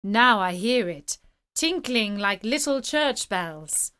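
A woman reading aloud plays a fawning young courtier in a fairy tale, gushing and courtly. Her voice stays close to her own, with wide, lively swings and an unhurried pace. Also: mid-range voice.

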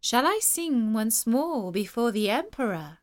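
A sweet, gentle little songbird, voiced by a woman reading a fairy tale speaks softly and graciously. Her voice sits higher than the narrator's and moves with a lively, unhurried lilt. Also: very noisy.

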